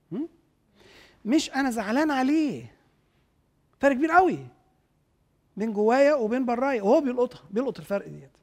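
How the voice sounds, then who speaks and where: A man with an Egyptian Arabic accent explains parenting ideas in a conversational teaching talk. He speaks quickly at an ordinary pitch. He keeps checking that his listeners are following along.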